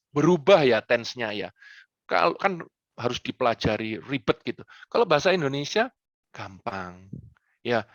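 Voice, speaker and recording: A man answering students' questions on a video call, talking in a playful, animated way and dropping in English phrases. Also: a little high, no echo, muffled recording. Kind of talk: lively Q&A on a school video call.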